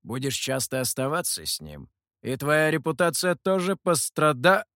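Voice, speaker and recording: A cocky monkey demon, boastful and teasing, his voice leaping all over the place as a male narrator puts him on. It sits a touch high and is heard close and dry, with no room around it. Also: big pitch swings, normal speed, fairly bright tone, no room sound.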